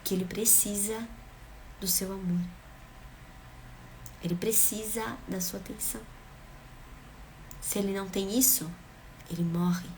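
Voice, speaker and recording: A woman giving parenting advice in an earnest, emphatic way, driving her points home with repeated phrases. Her voice has a gravelly, creaky edge at a mid pitch. A faint hiss sits under the recording. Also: fairly even intonation, a little slow, pauses often, darkish tone. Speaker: parenting vlogger. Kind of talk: direct-to-camera parenting advice.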